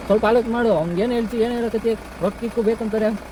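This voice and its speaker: A man acting a bumbling, greedy yet soft-hearted kidnapper in a comic skit, talking in a rambling, rustic way outdoors. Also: sits high, steady tone, quick pace, natural voice. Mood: threatening. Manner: rambling, chatty, rustic talk. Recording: street noise with idling engine.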